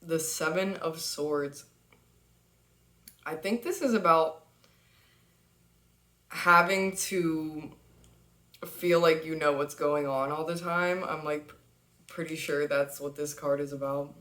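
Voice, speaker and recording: A woman giving a casual tarot reading, chatty and relaxed, laughing often between fillers. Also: sits low, takes it slowly, pauses often, roomy sound. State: has the hiccups. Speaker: tarot reader.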